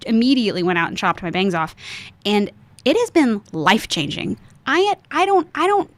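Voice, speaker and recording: A woman guest on a podcast, chatting casually and telling stories in an animated way, often restarting her sentences. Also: medium pitch, moderate pace, no room sound. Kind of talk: casual chat.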